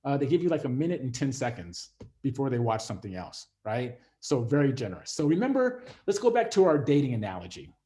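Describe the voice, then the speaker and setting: Relaxed, mellow-voiced man lecturing. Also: mid-range voice, brisk. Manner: conversational, many fillers and restarts; acts out quoted voices. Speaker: instructor. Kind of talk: masterclass lecture on series writing.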